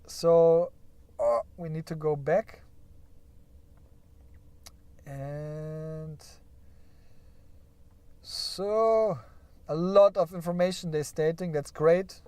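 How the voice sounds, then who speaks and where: With a slightly high voice and dark tone, this stock market streamer, recorded without room sound, chats loosely about company earnings while sharing his screen. He thinks aloud, hedges with plenty of "yeah?", and jokes about crying over the numbers.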